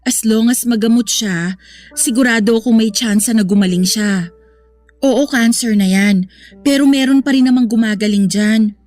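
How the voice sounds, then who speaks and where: An actress voices a caring, sensible young woman comforting her troubled boyfriend in a radio drama, her tone earnest and reassuring. She sounds fairly high-pitched with a darkish tone at normal speed, near an everyday voice, over faint background music.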